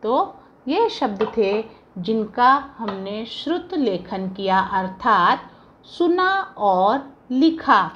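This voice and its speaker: A woman's voice: a little high, big pitch swings, extremely slow, a bit bright, dull audio, slight background noise. A woman teacher giving a phonics lesson to young children, spelling each word out syllable by syllable and then drawing out the whole word. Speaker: primary school teacher. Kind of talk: slow Hindi phonics lesson, spelling words letter by letter.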